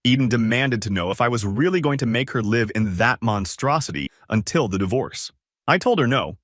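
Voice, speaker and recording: A man's voice: mid-range voice, expressive, fairly quick, fairly bright tone, no echo, clean studio sound. A man reading a first-person story aloud in a casual, conversational way. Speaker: narrator.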